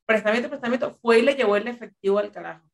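A woman's voice: on the high side, rapid-fire, vocal fry. A woman, co-hosting a podcast and retelling a story in casual chat, rambling with filler phrases. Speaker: podcast co-host.

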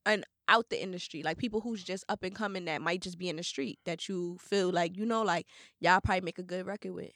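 A woman hosts a casual interview in quick, slangy, teasing talk. Her nose sounds blocked from being sick, giving a congested tone. She is blunt and explicit, recorded dry. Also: on the low side, a bit bright, no room sound. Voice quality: congested, stuffy-nosed. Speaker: show host and interviewer.

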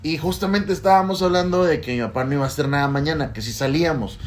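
A man's voice: fairly high pitch, fast. A man with a Mexican accent, co-hosting a casual podcast and telling anecdotes animatedly, acting out the voices. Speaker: podcast co-host. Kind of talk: casual chat. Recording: crowd noise in the background.

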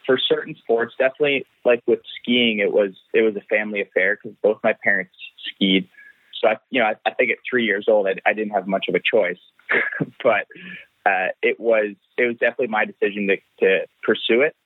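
Over a phone line, a Canadian race car driver gives an interview in a lowish, steady voice, speaking fairly quickly and often repeating words as he thinks. The audio is tinny and dry, with no room sound.

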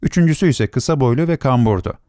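A man narrating a classic short story in a calm, steady audiobook reading. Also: medium pitch, quick pace, dry recording, clean studio sound. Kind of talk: scripted narration.

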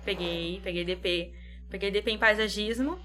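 Young woman, calm, explains stuff in a relaxed chat. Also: mid-range voice, moderate pace, music in the background. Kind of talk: casual chat.

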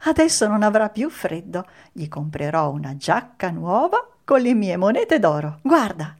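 A woman voicing a cheeky wooden puppet boy in a storybook reading, talking in an excited, bouncy way. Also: mid-range voice, a little slow. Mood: eager.

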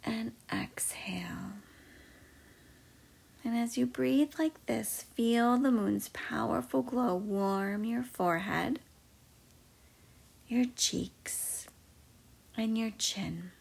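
A woman guiding a meditation in a soft, slow, mostly whispered voice. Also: a little high, gravelly, husky. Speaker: meditation guide. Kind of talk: guided meditation.

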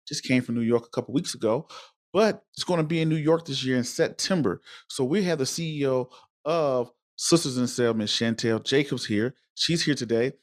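A man's voice: medium pitch, normal speed. A man hosting a casual live interview, talking in an informal, wordy and rambling way. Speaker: interviewer and host.

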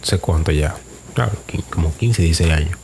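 A man's voice: very deep voice, a little fast, gravelly, darkish tone, slight background noise. A man recounting a personal anecdote in a rambling way during a casual podcast chat.

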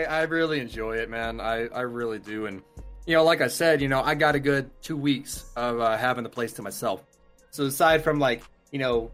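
A man's voice: mid-range voice, a bit bright. A young man co-hosting a casual podcast, rambling with lots of fillers and easy laughter. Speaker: streamer and podcast co-host. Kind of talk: casual chat.

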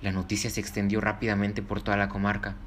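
A man's voice: lowish voice, completely flat delivery, fast talker, a little hiss or hum. A man reading scripted children's stories as a narrator. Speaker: children's storyteller. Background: music.

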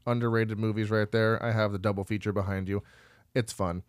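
A man's voice: on the low side, little pitch movement, a little fast, clean tone, no echo, studio quality. A man co-hosting a podcast, casually reading through film credits, rambling and laughing at himself as he stumbles over names. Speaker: podcast co-host.

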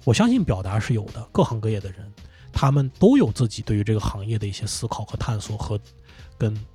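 Husky man talking in lively bursts. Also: lowish voice, fast, faint music behind. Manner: animated, laughs and swears when excited. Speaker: podcast guest, comedy company founder. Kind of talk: casual conversational interview. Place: indoor studio.

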